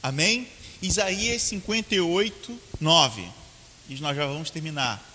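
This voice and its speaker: A man preaching a sermon as pastor, swinging between quiet and loud passages. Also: unhurried. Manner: preaching with big swings in pitch and loudness. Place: church hall. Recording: church hall reverb with faint hiss.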